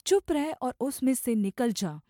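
This is a solemn, calm adult male teacher speaking with quiet authority in a measured scripture reading, as a woman reads him aloud. The voice sits somewhat high, with a lively, rolling rise and fall. The tone is mellow and soft, recorded close and dry. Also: no echo.

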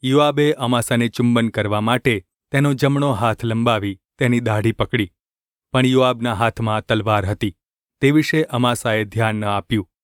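A man's voice: medium pitch, no room sound, clean studio sound. Man steadily reading scripture aloud. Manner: steady, measured narration. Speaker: scripture reader.

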